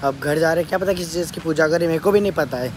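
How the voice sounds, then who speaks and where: A man's voice: on the high side, fast, slight background noise. A man filming a casual family vlog as a father, coaxing and soothing a small child.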